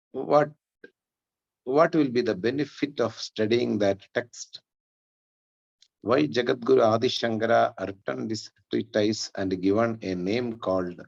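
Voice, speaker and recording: A man, giving an online Vedanta lesson in a measured explanatory way, with chanted Sanskrit prayers. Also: medium pitch, vocal fry, dull audio. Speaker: Vedanta teacher. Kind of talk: online class lecture.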